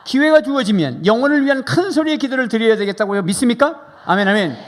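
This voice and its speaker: A man's voice: very high-pitched, expressive, fast talker. A man preaching as pastor, praying fervently and leading the congregation through questions and repeated phrases. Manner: fervent, repetitive, leads congregation in loud calls. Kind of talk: sermon with fervent prayer and call-and-response. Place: large church sanctuary. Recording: live church hall reverb with music.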